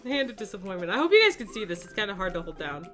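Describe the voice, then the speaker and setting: A woman's voice: medium pitch, big pitch swings, rapid-fire. A young woman hosting a casual chat, reacting to her own old art with lots of giggles and disbelieving exclamations. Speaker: YouTube artist host.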